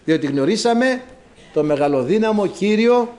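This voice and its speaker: A man preaching a sermon, dramatic, swinging between loud exclamations and low asides. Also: lively intonation.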